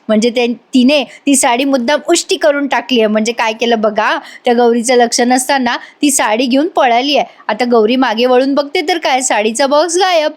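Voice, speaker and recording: A woman giving a chatty voice-over recap of a TV episode, talking straight to her viewers. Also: fairly high pitch. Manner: chatty, addresses viewers directly. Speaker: TV show reviewer.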